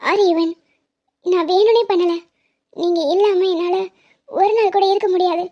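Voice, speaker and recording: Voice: extremely high pitch, steady tone, normal speed. A woman voicing an anxious, devoted young woman in a cartoon love story, talking in a pleading, emotional way. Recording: dull lo-fi cartoon audio.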